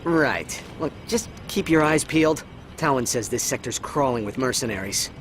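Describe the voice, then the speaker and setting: A young male alien pilot from a video game, played by a man, dry and impatient yet level-headed. His delivery is lively and exasperated, under loud music. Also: mid-range voice, moderate pace, noisy background, close to an everyday voice. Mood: wary, dry. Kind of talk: animated game voice acting.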